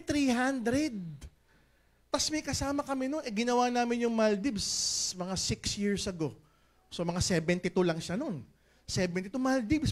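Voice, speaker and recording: A middle-aged man giving a lively motivational business talk on stage, joking and calling out to the crowd, booming on punchlines and dropping low on asides. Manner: animated, jokey, swings between loud punchlines and low asides. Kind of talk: stage motivational speech with audience call-and-response. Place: large event hall with an audience.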